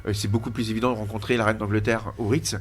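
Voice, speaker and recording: Deep-voiced French chef telling stories. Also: male voice, quick pace, slight background noise. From France. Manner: animated anecdotes with frequent restarts and fillers. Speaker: chef being interviewed. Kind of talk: casual interview storytelling.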